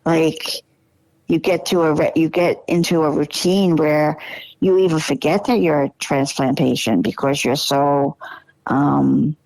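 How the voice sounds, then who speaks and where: A woman in her sixties talks casually as a podcast guest, in a fairly low voice. She is chatty, loops back on the same phrases and trails off mid-thought. The recording is dry and close. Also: steady tone, unhurried, vocal fry, darkish tone, no echo, poor audio. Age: 60s. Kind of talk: casual conversation.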